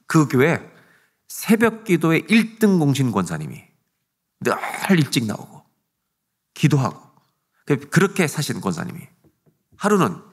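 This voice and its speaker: A male pastor delivering a revival sermon in a church sanctuary. His pitch rises and falls a great deal as he moves from soft, almost whispered lines to loud, forceful ones. He throws questions at the congregation and answers them himself. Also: slightly rough. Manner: swings from hushed near-whispers to loud emphatic preaching.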